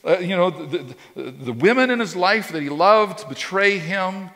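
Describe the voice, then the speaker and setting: A gravelly, bright, forceful voice, high and lively at a measured pace, belongs to a pastor in his fifties giving a sermon. He talks loosely, restarting and repeating words, on an indoor church stage with drums behind him. Long church-hall reverb fills the recording.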